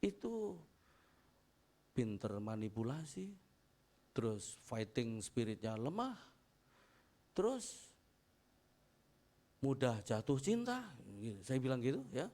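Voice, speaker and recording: A man's voice: mid-range voice, very animated, slow, pauses often, dark tone. A middle-aged man preaching a chatty, anecdotal sermon as pastor, repeating phrases and calling for amens. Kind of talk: conversational sermon.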